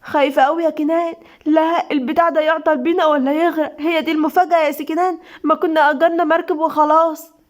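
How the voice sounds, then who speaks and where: A woman's voice: on the high side, fairly even intonation, racing, dark tone, lightly acted. A woman voicing a nervous, pleading young wife with an Egyptian accent in an audio love story. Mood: fretful. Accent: Egyptian Arabic. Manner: anxious, pleading. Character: young wife, fearful then tender.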